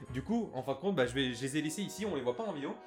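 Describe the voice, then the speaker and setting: A young man chats excitedly through a casual vlog, his fairly high voice bouncing up and down. He rambles with fillers and quick laughs. Faint music plays behind him. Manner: chatty, enthusiastic, lots of fillers and laughs. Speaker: YouTuber showing his manga collection.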